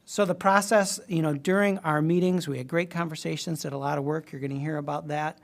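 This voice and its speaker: A man with a fairly high, steady voice speaks fairly quickly. He's facilitating a community group and introduces its presentation to a school board in a public meeting room, chatty and emphatic but hedging.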